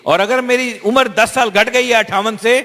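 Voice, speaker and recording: A man's voice: extremely high pitch, steady tone, normal speed, pushed and bright. A man interpreting a speech live, fluent and conversational, with small restarts. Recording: long hall reverb.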